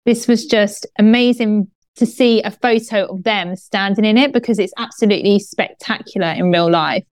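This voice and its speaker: A woman's voice: medium pitch, normal speed, no room sound. A woman co-hosting a chat podcast in a chatty manner, reading out quotes and laughing often. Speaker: podcast co-host. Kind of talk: casual chat.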